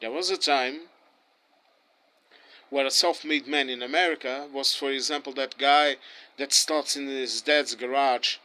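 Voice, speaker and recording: Recorded in low quality, a male interviewee delivers an impassioned street opinion in English, his first languages being Portuguese and German. His mid-range voice is pushed and bright, clear and resonant, with a steady tone and an unhurried pace, though he rants heatedly and restarts often.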